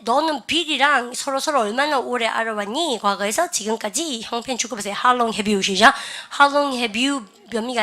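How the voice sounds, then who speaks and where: Bright-voiced woman teaching English. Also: on the high side. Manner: quizzing students with frequent rhetorical questions, drilling phrases; reads English examples slowly and deliberately. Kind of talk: lively classroom lecture.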